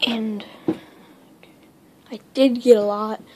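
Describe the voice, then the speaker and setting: A woman giving a casual, rambling tour of her home electronics workshop, talking quickly and interrupting herself as she films with a handheld phone. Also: on the high side, steady tone, background noise. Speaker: electronics hobbyist vlogger. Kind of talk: casual unscripted shop tour. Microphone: handheld phone camera.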